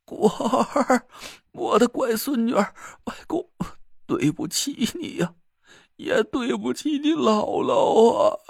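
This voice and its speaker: A man's voice: animated, slow pace, no room sound, full character voice. A man voicing an elderly grandfather with a dry, cracked voice who pleads and weeps. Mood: weeping. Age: older. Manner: begging, breathy and low. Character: frail old grandfather, pleading and tearful.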